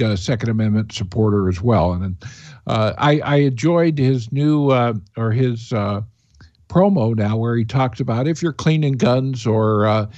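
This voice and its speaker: A man's voice: mid-range voice, darkish tone, no echo, dull audio. A man hosting a talk radio show, rambling opinions and chatting with callers, full of fillers and restarts. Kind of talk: talk radio commentary and call-in chat.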